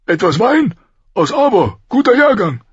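Roaring high-pitched drunken king, gruff, dull lo-fi sound. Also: sing-song, normal speed, dry recording, heavily acted. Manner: loud, gruff, shouting. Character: bellowing angry drunk middle-aged king.

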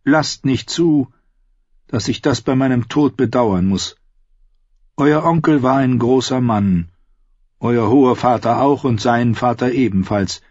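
A man's voice: medium pitch, a little mellow, no echo, muffled recording, pitched above the performer's own voice, lightly acted. A man voicing a tired old knight who speaks politely and with resignation. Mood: resigned. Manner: polite, measured.

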